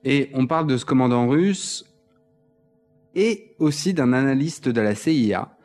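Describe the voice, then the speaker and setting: A man in a mid-range voice walks through a film plot in a rambling, loose way, restarting his sentences. He drops deadpan jokes along the way. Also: mid-range voice, measured pace, faint music behind. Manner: joking, deadpan asides, rambling explanations. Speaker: podcast co-host. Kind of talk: casual film chat, partly read from notes.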